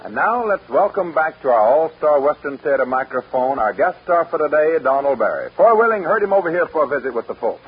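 A man's voice: a little high, sing-song, brisk, few pauses. A man with an American accent announcing a 1940s radio variety show. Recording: dull vintage radio broadcast, music behind.

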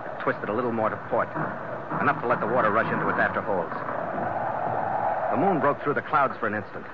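An actor playing a tough, terse ship's skipper in a hard-boiled 1940s radio style. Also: male voice, on the low side, a little fast, lightly acted. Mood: grim, measured. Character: tough, weary, decisive male ship's skipper. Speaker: lead actor and narrator. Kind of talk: 1940s radio acting with first-person narration. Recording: muffled, very noisy old radio recording.

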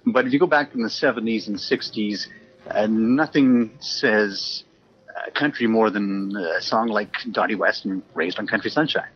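A man's voice: on the low side, fairly bright tone, slightly rough, highs cut off. Easygoing Canadian-raised man reminiscing. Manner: easygoing storyteller with frequent "uh" pauses. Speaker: podcast guest, former radio man. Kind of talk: casual reminiscing chat.

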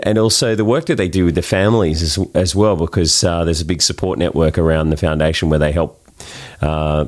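An Australian man chatting as a podcast guest, telling things in an informal, matey way. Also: deep voice. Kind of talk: casual conversational storytelling.

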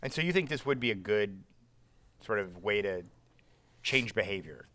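A man's voice: fairly low pitch, moderate pace, no room sound. A man talking casually on a podcast about a story and reading short passages from it aloud. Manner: relaxed, reads passages aloud. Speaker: podcast co-host. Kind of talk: casual book discussion.

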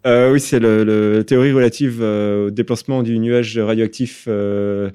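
Un homme candidat dans un jeu radio, qui répond brièvement avec hésitation. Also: male voice, fairly low pitch, steady tone, moderate pace, warm tone, clear, resonant tone, dry recording, clean studio sound. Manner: brief, hesitant answers. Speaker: game show contestant. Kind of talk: casual quiz answers.

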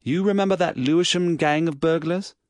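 A man voicing an eager young police inspector in an audiobook, brisk and earnest. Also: on the high side, dry recording, studio quality, pitched above the performer's own voice, lightly acted. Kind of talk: audiobook character voice.

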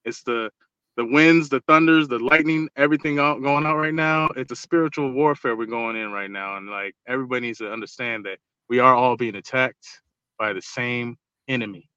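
A man's voice: medium pitch, a little fast, bright, forceful tone, clear, resonant tone, dry recording, muffled recording. A male caller on a call-in show, enthusiastic and slangy, turning preachy at times. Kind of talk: casual call-in chat.

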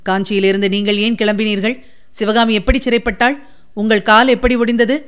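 A woman's voice: a little high, flat delivery, a little fast, clean tone, natural voice. A woman voicing a young warrior prince who speaks in a firm, restrained, commanding way. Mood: stern.

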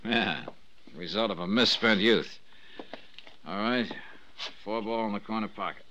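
In the style of a 1950s radio drama, an American man leads a detective series as a sardonic, hard-boiled insurance investigator, cool and needling as he probes. His fairly low voice is a little slow and sharp-toned, with a little hiss or hum.

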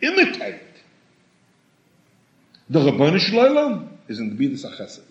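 Halting, lively-voiced man giving a sermon. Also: on the high side. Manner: halting, repeats words, expressive rising emphasis. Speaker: rabbi. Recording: echoey room, dull lo-fi sound.

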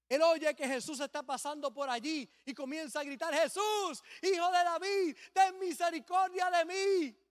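A man preaching a sermon as a pastor, swelling suddenly loud and acting out the people he quotes. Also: extremely high pitch.

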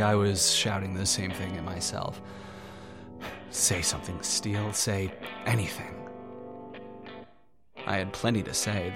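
Juno Steel, low-voiced weary detective. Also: male voice. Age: 30s. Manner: wry, confessional. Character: world-weary, wry, self-doubting noir detective of 39. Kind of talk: first-person noir narration in audio drama. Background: plucked guitar music.

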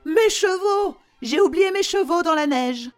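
A woman voicing a plump, frantic male coachman from a storybook, shouting and repeating himself. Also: very high-pitched, lively intonation, a little slow, faint music behind, pitched above the performer's own voice. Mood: alarmed.

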